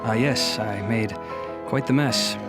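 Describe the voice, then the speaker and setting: Griffin, a theatrical, self-satisfied gentleman scientist. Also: fairly low pitch, takes it slowly. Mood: grandiose, wry. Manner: chatty, theatrical, wry. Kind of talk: radio drama acting. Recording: music under the voice.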